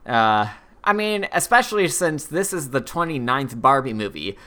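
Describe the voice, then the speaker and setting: Female co-host, extremely low register, lively intonation, casual film-review banter. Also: moderate pace. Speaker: podcast co-host.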